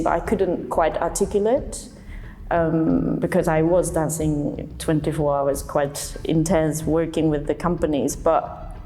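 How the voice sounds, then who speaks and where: Young dancer, woman; hesitant, reflective telling, slightly low pitch, long reverb, faint music under. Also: mellow. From Japan. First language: Japanese. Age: young adult. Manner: hesitant, with many fillers. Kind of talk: reflective interview talk.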